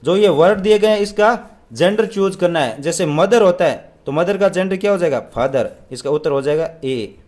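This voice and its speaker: A young man teaching an English exam paper, asking questions and answering them himself, reading the English lines out slowly. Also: fairly high pitch, animated, a little mellow. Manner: asks and answers own questions.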